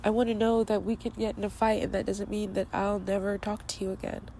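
Young woman, gravelly fry, earnest heartfelt rambling, lots of "like"s, faint car hum behind. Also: mid-range voice, little pitch movement, a little fast. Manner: earnest, reflective, with frequent "like" fillers and soft, near-whispered passages. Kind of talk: candid personal monologue.

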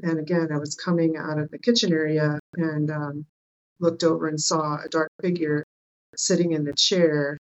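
A woman's voice: deep voice, little pitch movement, normal speed, muffled recording. A woman interview guest casually telling personal stories in a hesitant, loose way.

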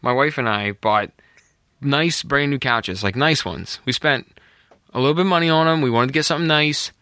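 Man, podcast co-host, bright voice on a dry close mic, rambling casual storyteller. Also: mid-range voice, normal speed, clear, resonant tone, no echo. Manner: rambling, self-correcting storyteller. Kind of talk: casual family podcast chat.

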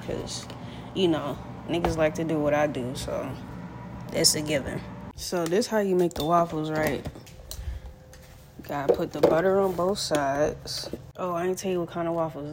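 Laid-back low-voiced young woman. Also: noisy background. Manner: laid-back, slangy, rambling. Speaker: vlogger. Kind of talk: casual chat while cooking. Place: home kitchen.

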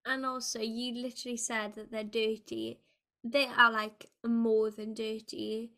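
A woman with a Welsh accent hosting a casual chat, telling stories in an animated, exaggerated, giggly way. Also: a little high, unhurried. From Wales. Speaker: video host.

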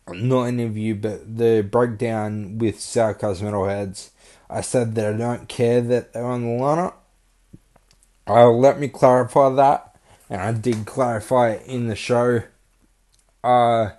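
Male podcast host, casual monologue, blunt and profane, halting with fillers. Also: lowish voice, darkish tone.

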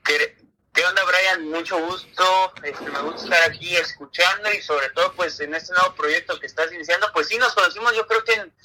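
A man's voice: high-pitched, a little fast, bright, forceful tone, slight background noise, low-quality recording. A man, co-hosting a casual soccer podcast. He talks eagerly and often hedges with "if I remember right.". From Mexico City. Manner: eager, talkative, hedging with "si no mal recuerdo". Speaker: podcast co-host.

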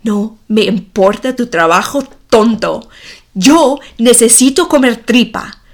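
A woman voicing an insolent, impatient boy who shouts his demands in a shrill voice. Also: lively intonation, takes it slowly, heavily acted. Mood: demanding.

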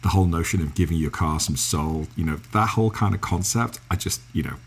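An English man with a halting, filler-heavy way of talking, interviewing a guest in casual conversation. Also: deep voice, creaky, breathy edge. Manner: halting, lots of restarts and fillers.

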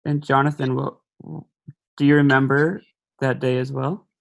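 A woman's voice: very deep voice, flat delivery, normal speed, vocal fry, highs cut off. A woman interviewing casually, asking brief friendly questions.

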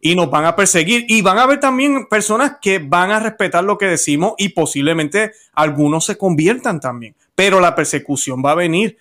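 A man interviewing a priest, agreeing and reflecting in a measured, conversational way. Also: high voice, animated, pushed and bright.

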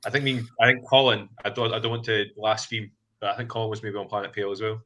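A man's voice: on the low side, little pitch movement, fast talker, pushed and bright. A Scottish man hosting a casual podcast chat, rambling a little and often hesitant. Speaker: podcast host.

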